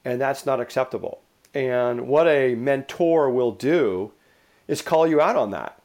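A middle-aged man being interviewed who talks loosely, with frequent restarts and lively anecdotes. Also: mid-range voice, measured pace. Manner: rambling, restarts often, lively storytelling. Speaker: interview guest. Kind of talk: casual conversational interview.

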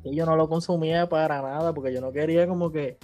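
A man with a Puerto Rican accent talks through a casual interview. His voice sits a bit high but sounds mellow and dark. He slips English words into slangy speech, and faint music plays underneath. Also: steady tone, quick pace, muffled recording. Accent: Puerto Rican Spanish. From Puerto Rico. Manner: slangy, mixes English words in, acts out quotes. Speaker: podcast guest, platform founder.

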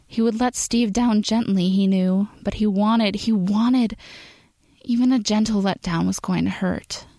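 A woman reading a story aloud in steady, measured scripted narration. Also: medium pitch, no room sound. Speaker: podfic reader.

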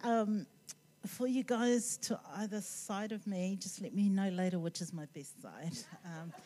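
A woman's voice: mid-range voice, unhurried, mellow. A woman with a Māori-influenced New Zealand accent giving an informal sermon, hesitant and conversational with self-deprecating asides. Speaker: guest preacher.

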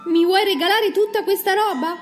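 A woman's voice: high-pitched, big pitch swings, moderate pace, soft background music. A woman voicing a fearless, cocky young man in a children's storybook, speaking in a brash, scolding and mocking way. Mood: bold.

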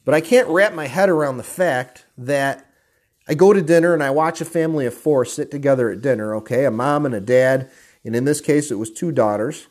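A man's voice: mid-range voice, brisk, a little mellow. A man giving an intense, profane motivational rant, blunt and angry, calling his listeners guys. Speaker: motivational speaker.

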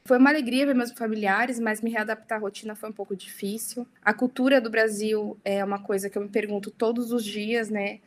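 A young woman appears as a podcast interview guest, chatting casually and often ending sentences with little tag questions. Her mid-range voice has fairly even intonation and runs a little fast with few pauses.

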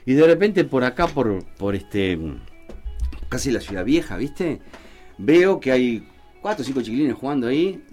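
Animated Uruguayan man telling stories. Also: mid-range voice, moderate pace, faint music behind. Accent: Uruguayan Spanish. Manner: animated, acts out quotes, many fillers. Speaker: guest telling anecdotes. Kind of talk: casual storytelling.

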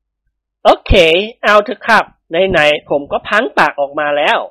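A woman's voice: low voice, animated, unhurried, sharp tone, no room sound, full character voice. A woman reading the lines of a cheeky young doctor who teases his friends, in an audiobook. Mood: teasing.

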